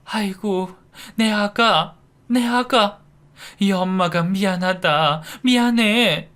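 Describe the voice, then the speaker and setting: A woman's voice: mid-range voice, takes it slowly, fairly bright tone, voice pushed up. A man voicing a middle-aged mother who tearfully begs her abandoned daughter's forgiveness in a storybook narration. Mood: tearful pleading. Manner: tearful, pleading. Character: sobbing middle-aged birth mother, remorseful.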